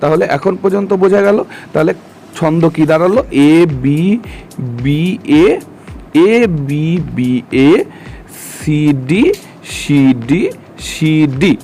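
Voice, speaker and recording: A man's voice: on the high side, takes it slowly, creaky, pauses often, mellow. A man teaching a literature lesson, explaining step by step and often checking that students follow. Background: faint background music.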